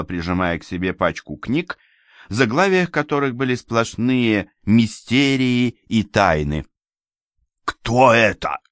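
Deep-voiced male audiobook narrator. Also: clean tone, dry recording. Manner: measured, even storytelling reading. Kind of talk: scripted narration.

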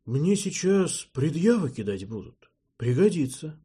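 A man's voice: fairly high pitch, sing-song, measured pace, mellow, breathy edge, voice pushed up, exaggerated voice. A man voicing an older male criminal boss who talks in shrewd, cocky street slang in an audiobook. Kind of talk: audiobook character voice.

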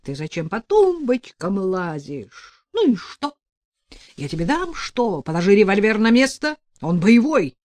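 A woman voicing a rude, bossy male thug who talks slowly and loudly in gruff threats. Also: medium pitch, sing-song, no echo. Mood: angry.

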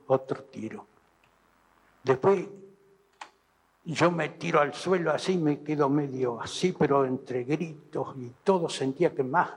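A man with an Argentine Spanish accent giving slow, broken witness testimony, often restarting and repeating himself. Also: medium pitch, slightly rough. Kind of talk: halting spoken testimony. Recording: archival recording in a reverberant hall.

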